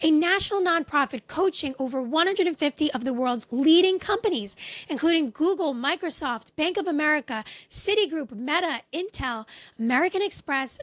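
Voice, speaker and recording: A woman's voice: sits high, no echo. A woman hosting a podcast, introducing her guest with effusive enthusiasm. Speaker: podcast host.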